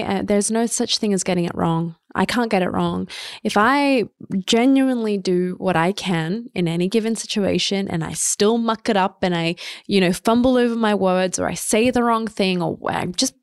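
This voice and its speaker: A woman's voice: medium pitch, moderate pace, smooth, no room sound. Candid woman co-host, dry sound. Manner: candid storytelling, acting out her own inner voice. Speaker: podcast co-host. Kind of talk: casual podcast chat.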